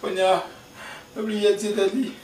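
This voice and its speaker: A man with a Haitian accent playing an older friend who quietly consoles a grieving widower. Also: sits high, flat delivery, measured pace. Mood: consoling. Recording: echoey and distant with faint hiss.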